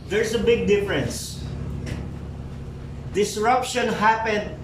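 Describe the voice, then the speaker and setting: Taking it slowly in a voice that sits high, a public speaker in his forties addresses a live crowd in a meeting room. The prepared speech is emphatic and rhetorical, spoken straight to listeners. Sound comes from a distant mic in a roomy, noisy hall.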